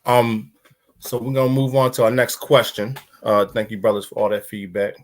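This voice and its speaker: A man's voice: lowish voice, flat delivery, normal speed. A man moderating a church panel discussion, hesitant, with many fillers.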